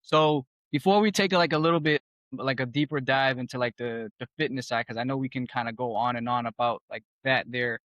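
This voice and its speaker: A man's voice: medium pitch, fairly quick, a bit bright, dry recording, lo-fi sound. A man hosting his podcast, asking questions in a laid-back, slangy way, full of "like" and "kinda". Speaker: podcast host. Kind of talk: casual interview conversation.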